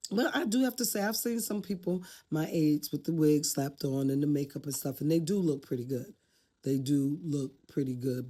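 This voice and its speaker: Mellow-voiced older woman vlogger. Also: low-pitched. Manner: reflective and heartfelt, speaking off the cuff. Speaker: vlogger giving life advice. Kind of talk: casual unscripted talk to camera.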